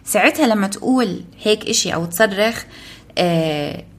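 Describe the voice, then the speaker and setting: A woman's voice: mid-range voice, lively intonation. A woman co-hosting a casual parenting chat, telling practical anecdotes from her own family. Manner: brisk, practical, tells anecdotes from family life. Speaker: podcast co-host, mother.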